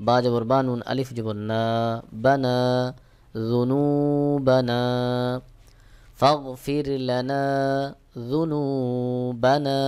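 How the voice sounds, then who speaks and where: A man teaching Quran recitation, who spells out each letter with its vowel mark and then draws the recited word out slowly. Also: medium pitch, a little mellow. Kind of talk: spelling-out tajweed lesson.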